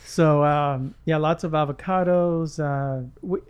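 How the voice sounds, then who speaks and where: Chatting casually as a guest, this Lebanese gym client in his sixties rambles in a friendly way and restarts often. His clean voice sits on the high side, keeps a steady tone and takes things slowly.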